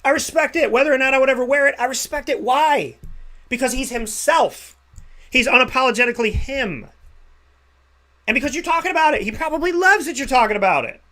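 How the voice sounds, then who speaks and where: A man's voice: very high voice, lively intonation, a little fast, pushed and bright. A man in his thirties hosting a talk show, giving an emphatic pep talk with repeated phrases. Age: 30s. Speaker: radio show host. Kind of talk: motivational monologue.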